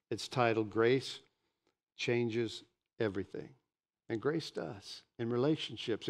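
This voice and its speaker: A man in his sixties preaching a sermon from a church pulpit, animated and often repeating words as he starts a sentence. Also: medium pitch. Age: 60s. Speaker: pastor. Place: church stage behind a pulpit.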